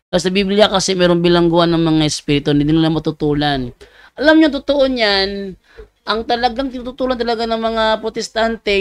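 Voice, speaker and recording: A man's voice: a little high, clear, resonant tone, dry recording. A man, a priest, answering viewers' questions on a live show, reading their messages aloud and then explaining in plain terms.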